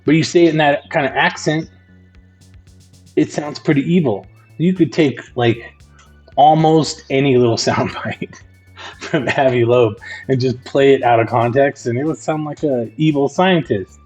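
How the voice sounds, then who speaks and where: A man's voice: mid-range voice, normal speed, a little mellow, soft background music. A man hosting a podcast, giving casual rambling commentary full of "like" fillers. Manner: rambling, conversational, with frequent "like" fillers. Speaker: podcast host.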